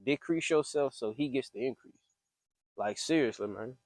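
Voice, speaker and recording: A man's voice: mid-range voice, expressive, moderate pace, darkish tone, no room sound. A man talking about his faith in an earnest, preachy, confiding way, recorded as a phone voice memo. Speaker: speaker venting about faith. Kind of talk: casual spoken reflection. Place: private room, voice memo. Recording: dry close voice memo.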